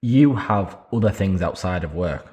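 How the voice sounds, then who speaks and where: A man's voice: low-pitched, animated, moderate pace, a little mellow, husky. A young man co-hosting a podcast, bantering playfully and teasing his co-host. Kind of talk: casual chat.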